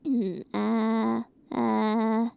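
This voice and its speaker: Slow, giggly woman with morning voice. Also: fairly high pitch, gravelly, clean tone. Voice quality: rambling, giggly, lots of fillers. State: scratchy morning voice. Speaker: streamer. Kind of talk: casual chat.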